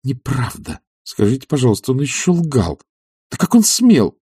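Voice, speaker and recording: A man reading an audiobook and voicing a proud, touchy young woman in a raised, sharp voice. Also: mid-range voice, huge pitch swings, moderate pace, husky, no echo, studio quality, voice pushed up, exaggerated voice. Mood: indignant.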